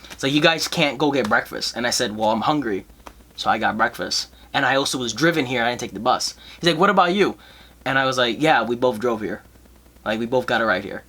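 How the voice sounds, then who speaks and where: A young man co-hosting a casual podcast chat, telling school stories in an animated way, swearing often and laughing. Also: medium pitch, brisk. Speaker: podcast co-host.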